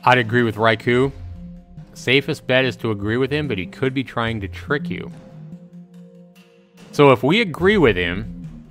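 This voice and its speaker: His voice is medium-pitched with a fairly bright tone. As a livestream host playing through a visual novel, he offers casual commentary, musing out loud, repeating things, and speaking to his chat viewers.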